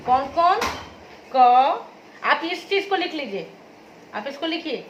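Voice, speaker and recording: A woman teacher explains a grammar lesson slowly and patiently. Her voice is high and lively, rising and falling as she repeats words and asks if it is clear. The room is echoey with faint background ambience. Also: slight background noise. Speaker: school teacher. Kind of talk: classroom Hindi grammar lesson.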